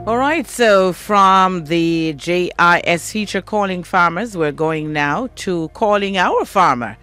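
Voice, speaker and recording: Smooth radio host, man. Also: high-pitched, expressive, slow, sharp tone, soft background music. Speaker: radio morning show host.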